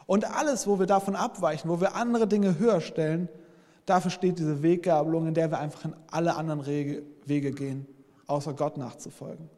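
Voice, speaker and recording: A man's voice: on the high side, fairly even intonation, a little fast, a little mellow. A man preaching a sermon as pastor, earnest, speaking straight to his listeners and often breaking in with "hey". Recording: long reverb from a large hall.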